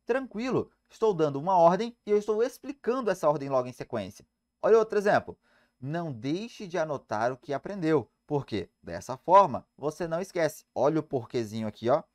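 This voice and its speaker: Lively Brazilian male exam-prep teacher. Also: on the high side. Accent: Brazilian Portuguese. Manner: lively, emphatic, asks and answers his own questions. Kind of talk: online lecture.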